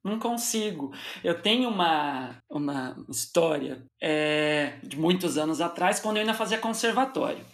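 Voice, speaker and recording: A man in casual chat, telling an expressive story and laughing easily. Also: on the high side, normal speed, few pauses. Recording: roomy echo.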